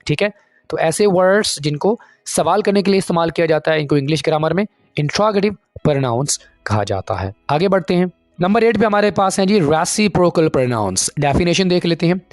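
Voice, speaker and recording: A man teaches an English grammar lesson in a fairly high voice. He explains step by step, keeps checking in with his viewers and reads the English examples slowly and deliberately. The sound is dry and close to the mic, with faint music underneath. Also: animated, no room sound. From Pakistan.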